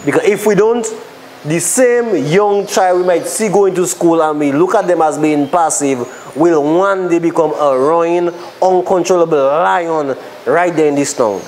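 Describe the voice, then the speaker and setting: A man's voice: on the high side, normal speed, a little mellow, slight background noise, rough recording. A man with a Dominican accent leading a panel discussion, earnest and stumbling over words as he makes his points. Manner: earnest, restarts often. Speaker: panel moderator.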